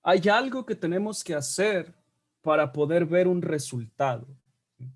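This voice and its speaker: A man's voice: on the high side, unhurried. A man teaching a Bible study class in a conversational way, often checking in with his listeners. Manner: conversational, checks in with frequent tag questions.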